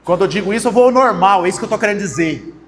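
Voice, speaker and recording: A man's voice: high-pitched, lively intonation, rapid-fire, fairly bright tone, a little hiss or hum. A young man with a Brazilian Portuguese accent preaching a conversational sermon and addressing the congregation as brothers. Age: young adult. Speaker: pastor. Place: church hall. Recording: long church hall reverb.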